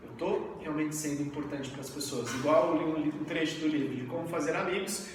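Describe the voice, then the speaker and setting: A man in his thirties from Brazil, giving a lively live training talk and asking the audience questions. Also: a little high, fairly quick. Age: 30s. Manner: energetic, asks the audience questions. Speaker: network marketing trainer. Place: event room with audience. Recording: echoey hall, mic far off, faint hiss.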